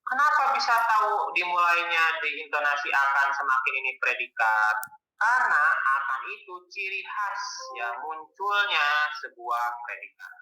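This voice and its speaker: A male tutor with a very bright, crisp, fairly high voice runs a casual exam-prep lesson at normal speed, explaining in a relaxed, colloquial way. He asks questions and answers them himself. The recording sounds roomy and echoey, captured from a distance off the mic.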